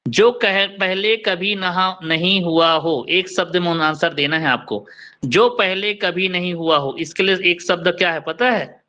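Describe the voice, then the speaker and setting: Guy teaching hindi grammar online, really slow and drawn out, kinda muffled lo-fi audio. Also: high-pitched, bright, forceful tone. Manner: drills letters slowly, quizzes students. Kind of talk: online class lecture.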